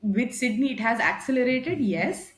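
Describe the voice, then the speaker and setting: A woman's voice: on the high side, moderate pace. Chatty Indian woman on an echoey call. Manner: chatty, animated, drops into Hindi asides. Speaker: guest. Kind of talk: casual conversational interview. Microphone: video call.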